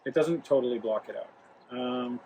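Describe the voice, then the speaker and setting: With a warm tone, mid-range pitch, and normal speed, a young Rhode Island man loosely hosts a casual home product review vlog, stumbling through fillers and restarts. He's a travel vlog host, at home in the living room near the kitchen. The recording is rough, with a little hiss or hum.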